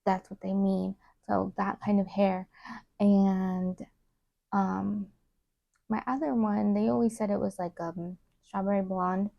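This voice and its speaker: Soft-spoken rambling woman vlogger, gravelly. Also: mid-range voice, flat delivery, takes it slowly, no room sound, lo-fi sound. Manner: rambling, many fillers, trails off softly. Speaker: beauty vlogger. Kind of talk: casual get-ready-with-me chat.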